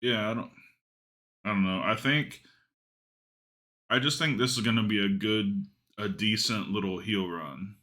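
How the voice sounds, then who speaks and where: A man co-hosting a podcast, chatting casually and reasoning through his opinions in a measured way. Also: lowish voice, sharp tone. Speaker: podcast co-host. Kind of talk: casual analytical chat.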